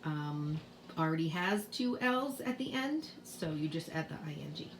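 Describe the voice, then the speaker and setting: A woman's voice: sits low, animated, background noise. A woman explaining spelling rules to parents in a casual home lesson, patient and full of fillers. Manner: slow, patient, with many fillers. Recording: roomy echo, faint ambience.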